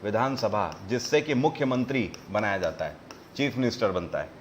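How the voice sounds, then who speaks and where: A man teaching a live online quiz class, reading each question out slowly, then explaining it and pressing viewers to answer, mixing English terms into his Hindi. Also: on the low side, animated, a little hiss or hum.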